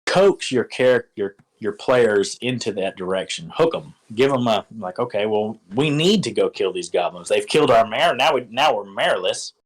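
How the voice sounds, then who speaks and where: A man's voice: fairly low pitch, expressive, normal speed, hardly any pauses, rough recording. A man casually explaining how to run a tabletop game, rambling with lots of fillers and restarts. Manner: rambling, filler-heavy, enthusiastic. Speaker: game master giving advice. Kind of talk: casual instructional talk.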